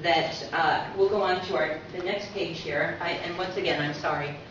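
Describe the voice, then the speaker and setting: Presenting her book as a guest speaker, a woman addresses an audience in an echoing community-centre talk room, mixing small asides with sayings she reads out. Her voice is on the low side and fairly bright, with fairly even intonation at a moderate pace. The recording, made from a distance in the echoey hall, is muffled and noisy.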